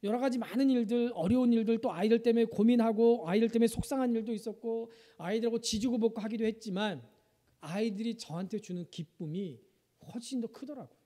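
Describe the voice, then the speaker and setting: A man's voice: very high voice, fast talker, dark tone. A male pastor preaching a sermon, telling funny family stories and asking the congregation questions. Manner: humorous storytelling, asks the congregation questions. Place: church sanctuary. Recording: long church hall reverb.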